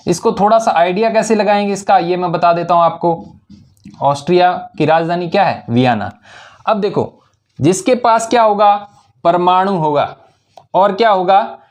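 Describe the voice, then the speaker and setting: A man's voice: sits high, animated, moderate pace. A male teacher giving an exam-prep lesson with memory tricks, asking questions and answering them himself, and repeating key words for emphasis.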